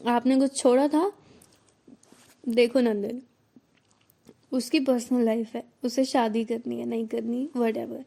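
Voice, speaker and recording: A woman's voice: a little high, steady tone, slow, gravelly, long pauses, dark tone, exaggerated voice. A woman voicing a young female teacher who talks frankly and reasons things through while telling a story. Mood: firm. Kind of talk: storytelling role-play.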